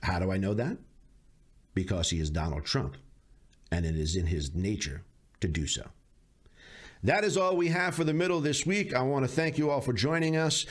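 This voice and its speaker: A man hosting a podcast, giving a measured closing monologue of political commentary with dry sarcastic asides. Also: medium pitch, animated. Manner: measured, deliberate delivery with slow emphatic pauses. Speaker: podcast host.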